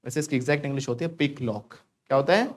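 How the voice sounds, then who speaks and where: Speaking very fast in a mid-range voice, an Indian man teaches spoken English to his class in Hindi. He mixes in jokes while getting students to repeat English phrases after him.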